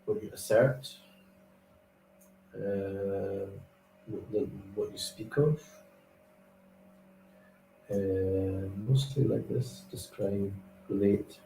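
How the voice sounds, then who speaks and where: A man's voice: on the low side, steady tone, extremely slow, creaky, pauses often, dark tone, roomy sound, faint music behind, poor audio. A man co-hosting a casual scholarly discussion, reading a translation aloud and weighing word choices, hesitant with fillers and given to dry humor.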